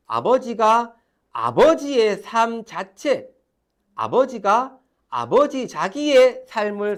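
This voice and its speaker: A man's voice: high voice, a bit bright. A man teaching a grammar class, repeating key terms and calling on students to read. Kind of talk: classroom lecture.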